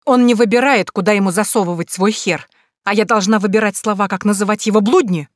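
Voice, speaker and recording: A narrator voicing a furious, betrayed young wife who shouts crude accusations in an audiobook. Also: mid-range voice, moderate pace, no room sound, studio quality, lightly acted.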